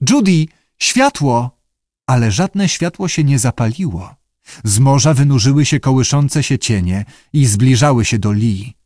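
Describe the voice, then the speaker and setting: Guy reading an audiobook, really lively delivery, dry close sound. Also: mid-range voice, normal speed, dry recording. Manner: expressive storytelling. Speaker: audiobook narrator. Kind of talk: scripted narration.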